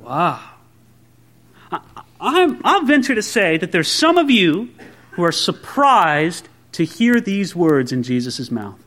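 A man's voice: high-pitched, sing-song, unhurried, a bit bright. A man pastor preaching a sermon, asking his listeners questions and calling them his friends.

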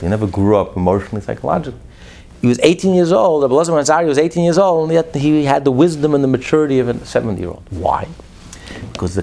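A man preaching a sermon as a rabbi, emphatic, swinging between loud declarations and hushed asides. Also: medium pitch, creaky.

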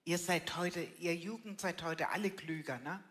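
A woman's voice: lowish voice, normal speed, fairly bright tone. An older woman with a blunt, colloquial manner, telling her life story in a casual interview and often tagging her sentences with "ne". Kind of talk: personal testimony in a casual interview. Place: live church event with audience.

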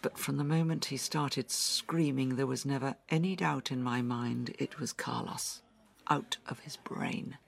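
An actress voicing a traumatized woman recounting a brutal attack, halting and often dropping into whispers, in an audio drama. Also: rumbling low, vocal fry, breathy edge, heavily acted. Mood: distressed.

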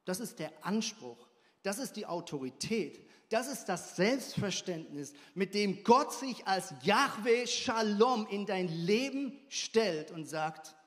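A man with a fairly high voice delivers a sermon, reading scripture with dramatic flair and breaking off for playful comments. His voice carries a long reverb from the church hall around him. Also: animated, slow. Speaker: preacher.

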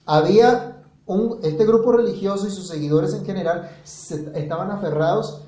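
A man's voice: high voice, moderate pace, dark tone, reverberant, low-quality recording. A man preaching a sermon, reading verses aloud and putting questions to his listeners.

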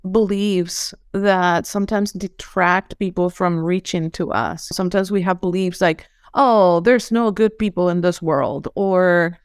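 Appearing on a podcast interview, this former psychologist turned holistic coach from Venezuela talks in an earnest, effusive way, with repeated words at the beginnings. She is middle-aged, with a Venezuelan Spanish accent and a smooth, lowish voice. Clean studio sound, no echo.

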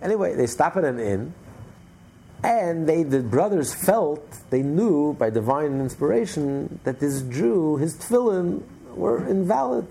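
A man's voice: fairly high pitch, big pitch swings, a little slow, creaky, warm tone, a little hiss or hum. A man telling a Torah story in a storytelling lesson, repeating and stressing his points. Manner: repetitive, emphatic storytelling with many restarts. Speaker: Torah teacher.

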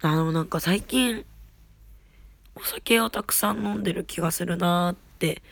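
Gravelly, smoky-rasped woman chatting casually. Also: fairly low pitch, moderate pace, no room sound. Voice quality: raspy, gravelly, husky voice. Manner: rambling, self-deprecating. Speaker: idol singer hosting her radio show. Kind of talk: casual solo radio chat.

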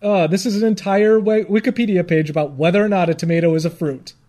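A man's voice: sits high, fairly even intonation, fast, mellow. A man co-hosting a podcast in casual banter, reading aloud and ranting with mock exasperation. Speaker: podcast co-host.

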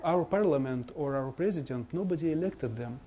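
A man from Russia with a Russian accent gives an informal slideshow talk as a visiting bishop, speaking halting non-native English and searching for words. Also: on the high side, lively intonation, noisy background. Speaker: bishop giving a guest presentation.

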